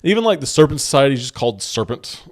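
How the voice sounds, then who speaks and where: A man co-hosting a podcast chats casually, rambling with plenty of fillers and restarts. His voice is medium-pitched, swings widely in pitch, and moves at a quick pace.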